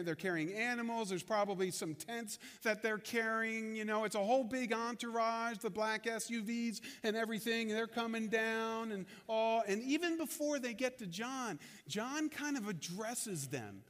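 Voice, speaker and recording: A man's voice: high voice, fairly bright tone, long reverb tail. A man preaching a sermon as a pastor, in a conversational way, often repeating words as he restarts his sentences.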